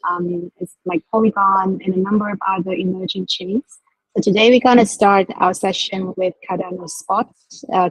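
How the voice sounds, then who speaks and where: A woman hosting an online community AMA, announcing the session with many pauses and fillers. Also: medium pitch, slightly rough, no room sound, poor audio. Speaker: host, community co-host. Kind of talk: livestream announcement.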